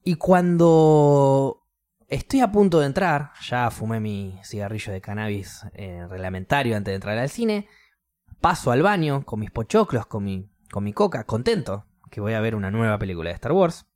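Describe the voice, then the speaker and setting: A young man with a Rioplatense Spanish accent, telling a story in casual chat, swearing and loudly acting out quotes. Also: mid-range voice, very animated, normal speed.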